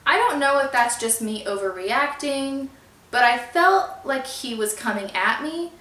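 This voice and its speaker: A young woman tells a storytime vlog in a fairly high voice, earnest and trying to stay polite while upset. The room around her is echoey and bounces her voice back. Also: animated, measured pace, bright, forceful tone. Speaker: vlogger. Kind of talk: storytime vlog, reading out emails.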